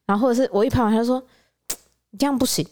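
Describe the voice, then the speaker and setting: A woman co-hosting a podcast, telling a story in lively casual chat, often laughing. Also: fairly high pitch. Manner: animated, quick storytelling with laughter. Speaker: podcast co-host.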